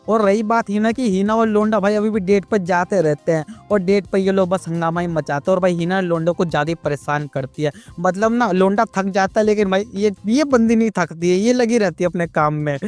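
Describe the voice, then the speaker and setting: High-voiced man with crude, slangy narration. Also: brisk, hardly any pauses, soft background music. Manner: casual, crude street slang, constant "bhai" asides. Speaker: manga recap narrator. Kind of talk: comic slangy story recap.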